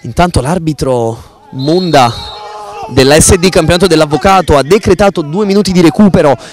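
Casting: male football play-by-play commentator, higher-pitched voice, ornate phrasing, excitable goal-call delivery. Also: brisk. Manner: excited goal calls that surge and stretch out; florid, formal sportscaster vocabulary. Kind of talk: amateur football match commentary.

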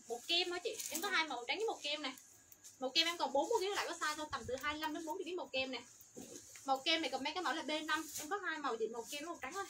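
A woman selling children's clothes on a livestream, rattling off product codes and sizes in an upbeat sales pitch. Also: sharp tone, slight background noise.

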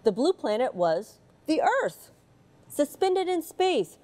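Inside a space station module, a middle-aged woman astronaut from the United States reads a storybook aloud to kids and chats casually between pages. She has a high-pitched, warm voice.

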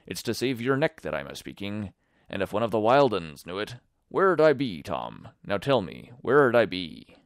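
A man reading aloud voices a crafty older male pirate cook who coaxes in rough sailor dialect. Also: fairly low pitch, big pitch swings, moderate pace, no room sound, clean studio sound. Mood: coaxing.

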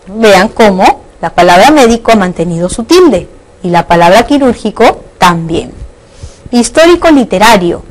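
A woman's voice: medium pitch, rough recording. Patient Peruvian woman teaching Spanish grammar. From Peru. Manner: patient, asks rhetorical questions and checks in with "¿no?" and "¿ya?". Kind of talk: online lesson on Spanish accent marks.

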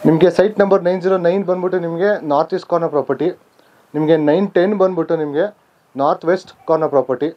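Here the real estate guide's fairly high-pitched voice races as he narrates a walking tour of vacant residential lots. Figures come out plainly, peppered with "aa" and corrections of himself. Faint outdoor ambience sits under the slightly dull camera-mic recording.

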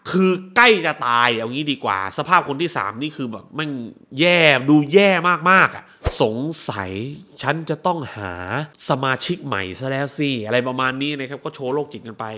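A man doing a casual spoiler recap of a movie, crude and animated, who swears freely. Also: on the high side.

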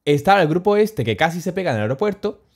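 A man telling a travel story on his stream in a casual, animated, slangy way, chuckling as he goes. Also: on the high side, fast talker.

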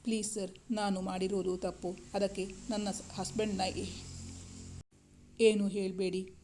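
A woman voicing a young woman doctor who speaks in a pleading, tearful, halting way. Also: medium pitch, flat delivery, warm tone, soft background music, natural voice.

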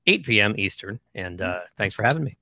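A man introducing himself as a guest streamer in a friendly, brisk way. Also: fairly low pitch, animated, bright, forceful tone, slight background noise. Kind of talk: casual self-introduction.

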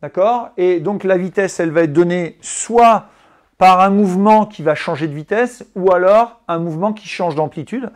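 A man from France, a golf coach, giving a relaxed live lesson indoors and pausing often to explain. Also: high-pitched. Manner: relaxed, explanatory, many hesitations. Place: indoors, living room with golf simulator.

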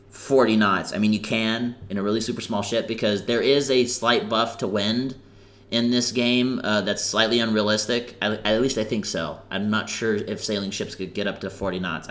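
Young male gamer, casual rambling commentary at a desk mic, mid-pitched voice, lots of restarts. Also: fairly bright tone. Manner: rambling and chatty, with many fillers and self-corrections. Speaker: gaming channel host.

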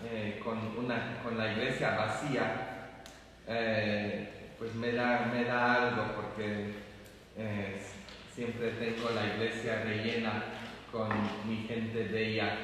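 A priest, giving a chatty, humorous homily in a large empty church. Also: male voice, lowish voice, flat delivery, fairly bright tone, a little hiss or hum. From Poland. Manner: slow, chatty and humorous, many fillers. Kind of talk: conversational homily. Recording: echoey church hall from far off.

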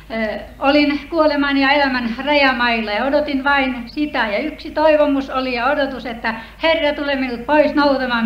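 A woman giving a personal healing testimony at a church meeting, earnest and measured. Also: high voice. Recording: echoey hall, dull old tape.

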